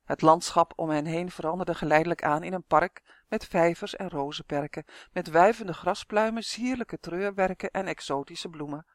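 A narrator reading a children's fantasy audiobook in a calm, expressive storytelling manner. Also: medium pitch, normal speed, few pauses, no room sound, clean studio sound.

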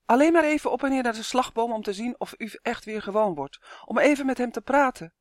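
A reader voicing an anxious young boy who pleads and cries out, going high and loud when upset. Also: expressive, moderate pace, no room sound, clean studio sound, lightly acted. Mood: pleading.

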